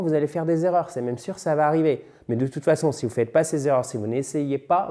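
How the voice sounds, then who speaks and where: A man with French as his first language, giving a casual, lively online English lesson and switching between French and English examples. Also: fairly high pitch. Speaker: English teacher.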